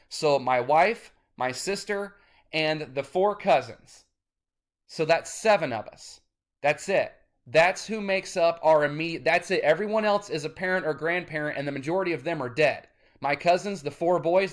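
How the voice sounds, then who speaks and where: Ranting straight at the camera, this independent musician in his thirties rambles and curses, his vlog turning loud and insistent. His voice is a little high.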